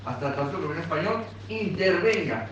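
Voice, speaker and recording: Male association spokesman, slightly raised pitch, insistent formal appeal, far from the mic. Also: lively intonation, a little fast, lo-fi sound. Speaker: pensioners' association representative. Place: meeting room in parliament. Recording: echoey room, recorded from far off, noisy.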